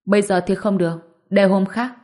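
A woman's voice: medium pitch, steady tone, moderate pace, darkish tone, natural voice. Cool unbothered hero, read by a woman. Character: calm powerful young man, hero. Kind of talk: audiobook narration.

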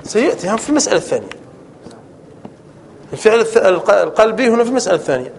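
A man teaches a grammar lesson to a class in a high, lively voice that rises and falls widely. He quizzes his students often and stretches out his examples slowly. Faint noise sits behind him in the room. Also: creaky. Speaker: sheikh teaching Arabic grammar.

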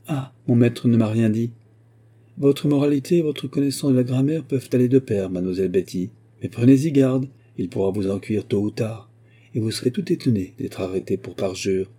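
A man's voice: on the low side, brisk, dark tone, breathy edge. A man reading aloud and voicing a shrewd, stern male police agent with a sardonic, intimidating manner. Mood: stern, mocking.

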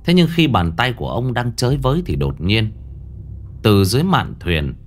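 A man's voice: mid-range voice, very animated, moderate pace, a little hiss or hum. A man narrating a ghost story dramatically, lingering on eerie details.

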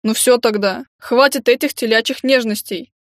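A woman's voice: on the high side, normal speed, dry recording, studio quality, close to an everyday voice. A woman voicing a sulky, grumbling teenage boy who talks bluntly, in an audiobook. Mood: gruff. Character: grumbling cheeky teenage boy, eared and proud.

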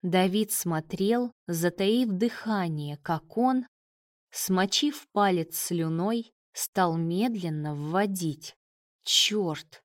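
A woman narrating an adult audiobook in a slow, even reading voice, close to the mic. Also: on the low side, no echo. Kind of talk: scripted narration.

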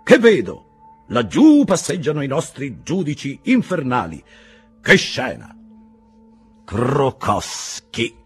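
A man's voice: mid-range voice, sing-song, moderate pace, faint music behind, natural voice. A man voicing an eloquent, sarcastic Italian humanist who speaks in a declamatory, mocking way. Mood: mocking grandiloquence.

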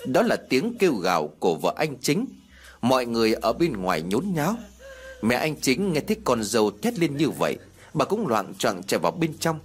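A man narrating an audiobook ghost story in expressive storytelling fashion. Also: mid-range voice, moderate pace.

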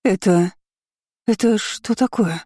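A woman voicing a harsh middle-aged aunt who scolds and shouts. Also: lowish voice, normal speed, no echo, clean studio sound, close to an everyday voice. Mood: furious.

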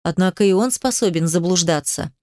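A woman's voice: fairly low pitch, brisk, a little mellow, no echo, studio quality, natural voice. Young male herald, icy and defiant, controlled cold delivery, woman reader.

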